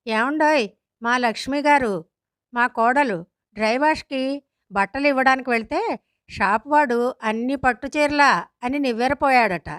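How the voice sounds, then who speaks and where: A woman's voice: high voice, unhurried, pauses often, a bit bright, dry recording, studio quality. A woman reading the lines of a retired elderly father-in-law who lectures his family firmly. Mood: chatty. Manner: firm, lecturing.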